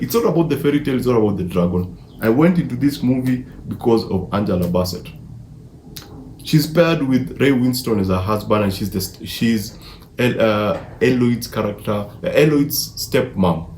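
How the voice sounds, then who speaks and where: This film reviewer, from Africa, has a lowish, slightly mellow voice. He gives a casual movie review with enthusiasm and emphasis, often repeating words partway through a sentence. The room echoes and there's faint noise behind him.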